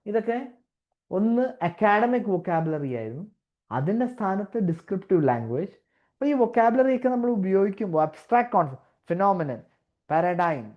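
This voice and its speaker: A woman teaching English test criteria, mixing Malayalam with slow English and restarting her words as she explains. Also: medium pitch. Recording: dull lo-fi audio.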